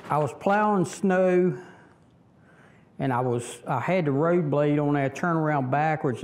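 Kneeling near his tractor under an outdoor shelter a few steps from the camera, a middle-aged Virginia man drawls through a casual how-to. His voice runs a bit high for a man with a darkish tone, and he rambles in a folksy, unhurried way, restarting often and leaning on "um" and "you know."

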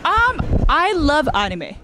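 A woman's voice: high-pitched, wildly swooping pitch, slow, background noise. A woman actress from Japan with a Japanese accent, bubbly and giggly, using simple phrasing into a handheld mic.

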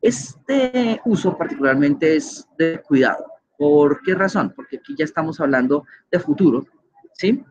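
A man's voice: fairly high pitch, animated, unhurried, rough recording. A man giving an online grammar lecture as a teacher, patient and explanatory, often checking in with his listeners. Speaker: English teacher.

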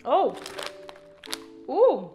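A woman's voice: high-pitched, wildly swooping pitch, very slow, phone-quality sound, soft background music. A woman reviewing snacks, exclaiming with enthusiasm while chewing food. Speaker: vlogger.

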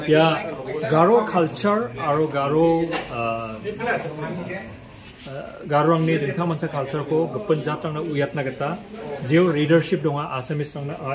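A middle-aged man, an author, answering interview questions in an event hall, hesitant and soft-spoken. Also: on the high side. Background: crowd chatter.

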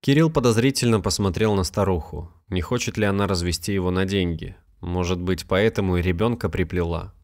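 A man narrating a scripted story in an even, measured reading. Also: sits low.

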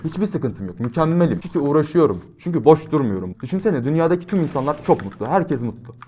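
A young man commentating his gameplay, brash and slangy, switching between loud outbursts and quiet, reflective motivational talk. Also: a little high. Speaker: gaming YouTuber.

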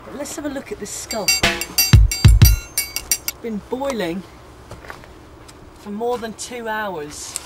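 A woman's voice: fairly high pitch, lively intonation, slow, pauses often, over loud music, poor audio. Thirties woman vlogging in her garden; chatty, squeamish, laughs at herself. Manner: chatty, squeamish and self-amused. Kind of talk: casual to-camera vlog. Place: back garden outdoors.

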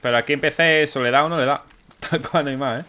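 A young man doing let's play commentary, excitable and swearing as he plays. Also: on the high side, fast. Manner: excitable, swears often, exclaims mid-game. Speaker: gaming YouTuber.

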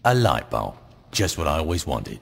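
Deadpan low-voiced gang boss, sourly unimpressed. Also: male voice, moderate pace, creaky, full character voice. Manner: deadpan sarcasm, as if let down by a gift. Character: ruthless foul-mouthed gang boss, dry and sarcastic. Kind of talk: video game cutscene acting.

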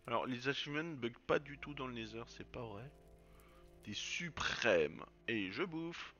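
A man's voice: medium pitch, animated, a little slow, pushed and bright, lo-fi sound, faint music behind. A man commenting casually on his own game, swearing and thinking aloud as he plays. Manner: chatty, swears, muses aloud while playing. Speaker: let's play gamer.

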